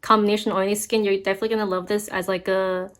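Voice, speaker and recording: Young woman vlogger, casual candid review, chatty and easygoing, middling pitch. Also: flat delivery, fast, a bit bright. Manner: chatty, candid, frequent fillers and laughs. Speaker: beauty vlogger.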